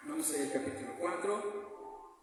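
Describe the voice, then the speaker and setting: A man preaching a Bible teaching sermon to a congregation, deliberate, repeating references and asking listeners rhetorical questions. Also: a little high, lively intonation, very noisy. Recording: very echoey hall, mic far off.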